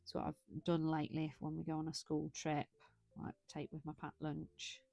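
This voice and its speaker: A woman's voice: deep voice, completely flat delivery, moderate pace, vocal fry, mellow, no room sound, faint music behind. A tired, yawning British woman hosting a colouring livestream, rambling chattily and correcting herself as she goes. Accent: British English. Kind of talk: casual chat while colouring.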